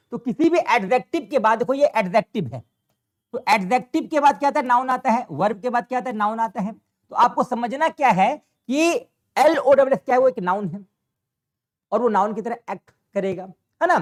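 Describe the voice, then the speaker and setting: A man teaching English grammar in a classroom style, often asking a question and answering it himself. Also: high-pitched. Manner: repetitive, asks and answers own questions. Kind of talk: classroom explanation.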